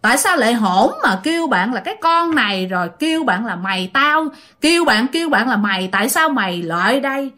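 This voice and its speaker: A woman's voice: a little high, expressive, a little fast, sharp tone. A woman with a Southern Vietnamese accent hosting a channel, retelling listener-sent ghost stories in a chatty, repetitive way that speaks directly to the audience. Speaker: storyteller host.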